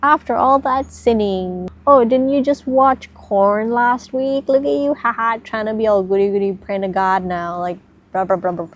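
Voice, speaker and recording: A woman's voice: fairly high pitch, steady tone, moderate pace, natural voice. A woman voicing the mocking inner critic of one's own mind, taunting in a teasing sing-song.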